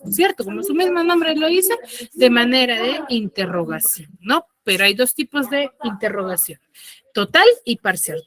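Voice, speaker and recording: A woman's voice: fairly high pitch, fairly bright tone. A woman teacher giving an online grammar lesson on a video call, patiently checking in with her pupils after each point. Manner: patient, asks pupils frequent check-in questions.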